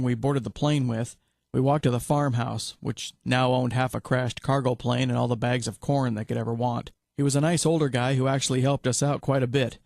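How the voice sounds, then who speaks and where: A man and podcast host reading a first-person adventure story in a steady, measured storytelling way. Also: mid-range voice, vocal fry, dry recording, clean studio sound.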